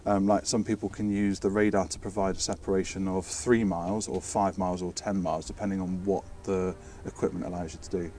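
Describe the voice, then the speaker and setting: Through a distant mic with faint background noise and ambience, a British man with a deep, warm voice talks a little fast, keeping a steady tone with hardly any pauses. He informally explains technical air traffic control work in an interview chat, hesitating and restarting words as he goes.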